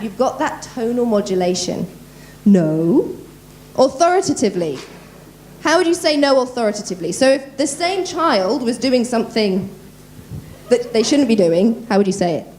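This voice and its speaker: A woman voice coach giving a lively workshop at a conference, talking quickly and quizzing the audience. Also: on the high side, a little hiss or hum. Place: conference room.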